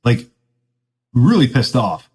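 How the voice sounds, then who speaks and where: A man's voice: medium pitch, very animated, takes it slowly, darkish tone, rough recording. A man hosting a podcast, telling a rambling story in casual surfer talk, self-mocking and laughing often. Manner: laid-back surfer talk, keeps saying "dude". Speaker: podcast host.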